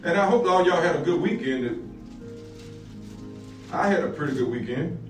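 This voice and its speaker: Middle-aged male pastor, high voice, preaching with repetition, distant and roomy over faint music. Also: animated, moderate pace. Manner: repeats phrases, builds to emphatic peaks. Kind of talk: sermon-style Bible lesson.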